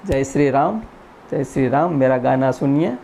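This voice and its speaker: A man from India telling a moral story in a slow, earnest, preachy way, addressing his channel's viewers. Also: medium pitch, vocal fry, warm tone, a little hiss or hum. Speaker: YouTube channel creator. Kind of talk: spoken story and message, then singing.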